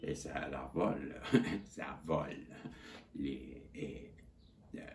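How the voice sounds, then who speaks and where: A man with a Québécois accent telling viewers a story in a casual, animated and indignant way, swearing freely. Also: extremely low pitch, drawn-out words. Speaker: channel host. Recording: echoey room with faint noise.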